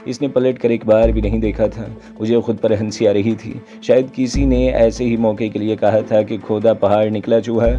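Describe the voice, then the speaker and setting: Deep, dark-voiced male narrator. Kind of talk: scripted audiobook narration. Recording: dull lo-fi recording, faint music.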